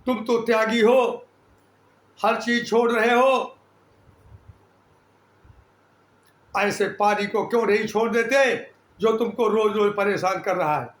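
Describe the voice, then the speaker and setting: A woman's voice: medium pitch, a little slow, natural voice. An older man voicing his stern, weary mother as she cooks, in an impatient, scolding tone. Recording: echoey room.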